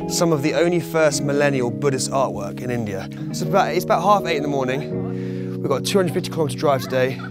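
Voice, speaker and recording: A slightly high, expressive male voice, talking a little fast. He's a British travel vlogger in his twenties from the United Kingdom, chatty, jokey and self-mocking as he records a casual road-trip vlog on a lapel mic, outdoors and in hotels, with music playing underneath.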